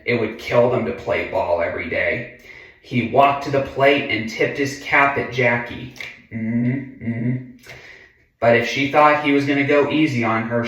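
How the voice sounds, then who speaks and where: The recording, made far from the mic in a very echoey room, captures an adult man with a medium, fairly bright voice reading a children's book aloud. His delivery is slow and deliberate, peppered with murmured mm-hmms and relaxed, chatty asides.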